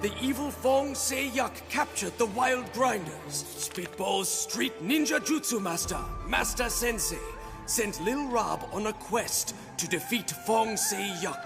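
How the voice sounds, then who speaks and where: A man's voice: high voice, expressive, measured pace, over music. A man voicing a pompous cartoon storyteller with a dramatic movie trailer delivery. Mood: grave, dramatic. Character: young male cartoon sidekick narrating in pompous storybook voice. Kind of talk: scripted cartoon narration.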